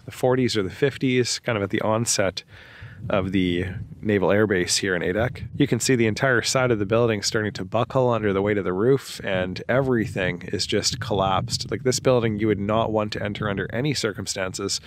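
Chatty man exploring outdoors, low voice. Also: fairly quick, a little hiss or hum. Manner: chatty and conversational, with filler like "you know" and "like". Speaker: travel vlogger. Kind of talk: casual walking commentary. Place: outdoors among ruins on a remote island.

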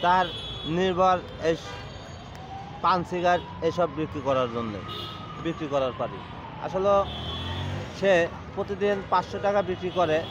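A man's voice: high voice, moderate pace, pauses often, lo-fi sound. A man with a Bangladeshi accent hosting a casual street vlog, talking in an informal, repetitive, coaxing way. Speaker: video host. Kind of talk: casual street vlog talk, addressing viewers and a young boy. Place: outdoors on a busy city roadside. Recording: noisy outdoor street with traffic. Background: traffic, vehicles, city ambience.

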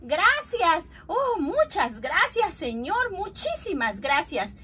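A woman voicing an excited, grateful old man in a storybook reading. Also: extremely high pitch, slow, pitched above the performer's own voice, full character voice. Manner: loud calling out, effusive thanks. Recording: steady background noise.

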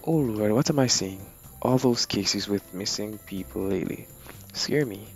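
A man's voice: fairly low pitch, moderate pace, a little mellow, soft background music, natural voice. A man voicing a nervous, chatty old woman customer who rambles on fretfully.

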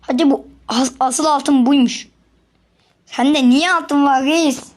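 Excitable high-voiced woman narrating gameplay. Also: takes it slowly. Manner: excitable, repeats words, chatty with other players. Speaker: gaming channel host. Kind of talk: casual gameplay commentary.

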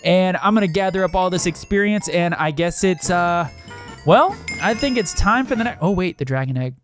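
A man giving casual gameplay commentary as a gaming video host, excitable and quick to exclaim and laugh. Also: high voice, soft background music. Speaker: gaming YouTuber.

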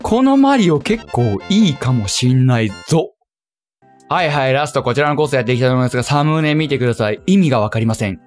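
A young man from Kyushu commentating a video game he is playing, talking to himself, muttering, and yelping in excitement. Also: on the high side. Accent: Kyushu Japanese. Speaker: game streamer. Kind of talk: let's play commentary.

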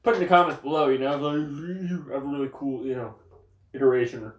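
A man's voice: medium pitch, fast, recorded from a distance, lo-fi sound. A man chatting casually in a vlog from his bedroom, rambling between topics and talking while he eats. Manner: rambling, talks while eating. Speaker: vlogger. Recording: roomy echo, a little off-mic.

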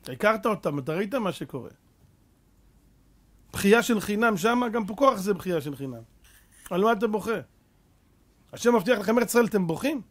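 A man's voice: sits high, expressive, pauses often. A man preaching a Torah sermon as a rabbi, fervent and full of rhetorical questions, mixing street slang with scripture.

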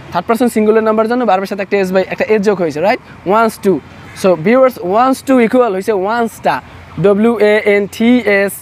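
A man with a Bangladeshi accent teaching a casual English lesson, repeating example phrases slowly. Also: high-pitched.

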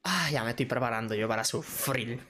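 A man giving casual reaction commentary, excitable and teasing the characters on screen. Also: medium pitch, fairly quick. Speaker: anime reaction channel host.

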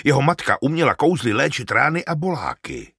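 A man's voice: medium pitch, wildly swooping pitch, sharp tone, slightly rough, no echo, clean studio sound, pitched above the performer's own voice, heavily acted. A man voicing a scornful village chieftain. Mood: contemptuous. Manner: scornful, commanding.

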